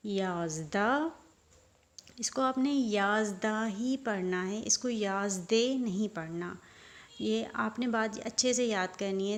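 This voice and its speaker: A woman teaching vocabulary, saying each word and then explaining it. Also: medium pitch. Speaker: language teacher. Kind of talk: slow vocabulary lesson.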